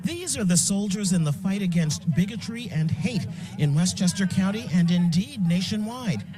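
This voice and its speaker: A woman's voice: medium pitch, lively intonation, moderate pace, crowd noise. A woman delivering live field news reports with an emphatic on-air delivery, recorded outdoors on location. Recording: outdoor field audio with faint noise.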